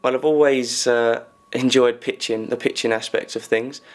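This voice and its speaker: A man in his twenties, an animator, answering interview questions in a steady, even way. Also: medium pitch, moderate pace. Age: 20s.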